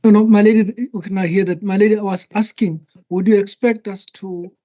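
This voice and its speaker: A man's voice: high-pitched, steady tone, a little fast, warm tone. Courtly, deferential male advocate, dull call audio. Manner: courtly, deferential, very formal address. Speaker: advocate addressing a judge. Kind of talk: formal courtroom submission. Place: indoor book-lined office on a video call. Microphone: computer microphone on a video call.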